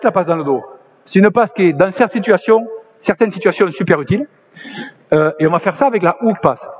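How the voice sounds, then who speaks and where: A man coaching basketball players on court, directing drills with quick commands and encouragement. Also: high voice. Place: indoor basketball gym. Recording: slightly dull lo-fi sound with faint noise.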